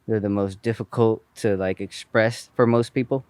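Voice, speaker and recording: A man's voice: fairly low pitch, fairly even intonation, normal speed, darkish tone, no room sound. A male podcast host, earnest and supportive, talking about vulnerability with his guest. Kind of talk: podcast conversation.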